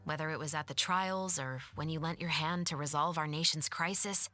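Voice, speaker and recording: A principled female security captain in a game, speaking low and calm in a measured, matter-of-fact way. Her voice is bright and crisp, with soft music playing under it. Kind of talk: game cutscene voice acting.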